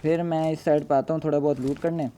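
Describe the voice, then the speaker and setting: A man's voice: fairly high pitch, flat delivery, fast, mellow. A man doing casual, joking voice-over commentary on his own gameplay as a gaming YouTuber. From Pakistan. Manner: casual, joking, playful storytelling.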